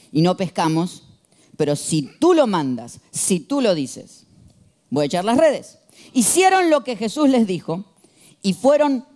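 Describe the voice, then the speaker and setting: Animated Argentine preacher man in his thirties. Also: high-pitched. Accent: Argentine Spanish. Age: 30s. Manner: animated and humorous, acts out shouted quotes. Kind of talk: sermon.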